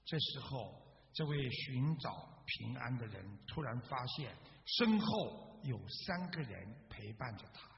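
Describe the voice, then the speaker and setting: A man's voice: mid-range voice, big pitch swings, creaky, a crowd in the background. Emphatic man preaching in an echoey hall. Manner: emphatic, swells louder on key words, slows to stress them. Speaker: religious radio talk host. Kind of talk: sermon telling a parable. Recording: distant echoey hall, dull faint hiss.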